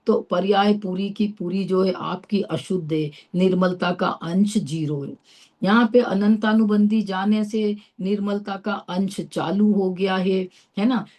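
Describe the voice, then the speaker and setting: Mellow-voiced woman teaching philosophy patiently. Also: mid-range voice. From India. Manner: explains patiently with rhetorical checks. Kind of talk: explanatory Q&A class.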